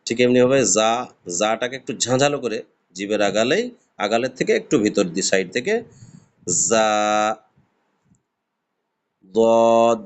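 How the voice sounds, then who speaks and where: A man's voice: medium pitch, lively intonation, a little fast. A man teaching a beginner's lesson on pronouncing Arabic letters, patiently explaining and drawing out each sound. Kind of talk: step-by-step pronunciation lesson.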